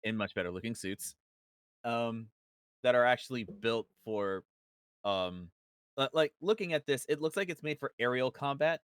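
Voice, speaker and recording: A male podcast guest with a smooth, clear mid-range voice. He reasons through his opinion at length, filling pauses with ums and dropping a casual curse. The sound is dry and close. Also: mid-range voice, expressive, fairly bright tone, no echo. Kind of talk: casual chat.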